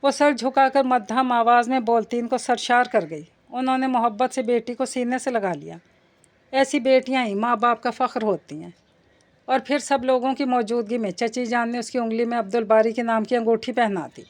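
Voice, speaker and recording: A woman narrating a romance novel aloud in a steady storytelling manner. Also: a little high. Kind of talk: audiobook novel reading.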